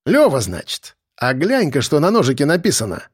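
A man's voice: fairly high pitch, huge pitch swings, moderate pace, husky, exaggerated voice. A man voicing a smug, impatient young detective who speaks curtly. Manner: curt, self-satisfied.

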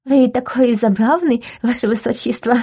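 A woman voicing a spoiled, possessive young duchess who chirps and turns shrill and indignant. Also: normal speed, warm tone, husky. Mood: chirpy.

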